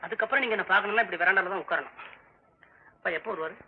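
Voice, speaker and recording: A man playing a brash, high-voiced would-be film director. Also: lightly acted. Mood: scheming. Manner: boastful, quick, swings between shouting and hushed storytelling. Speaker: aspiring film director, son. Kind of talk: 1960s film comedy acting. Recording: lo-fi old film soundtrack with faint hiss.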